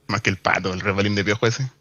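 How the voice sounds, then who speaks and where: A man chatting casually as a guest over voice chat, low-key and mumbling. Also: vocal fry, dull audio, very noisy.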